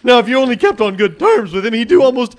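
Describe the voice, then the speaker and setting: An eccentric, excitable hatter at a mad tea party in a radio play. The voice is very high for a man and extremely animated. The delivery is theatrical and whimsical, full of exclamation and earnest nonsense. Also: fast talker. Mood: grandly explaining. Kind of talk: live audio theatre acting.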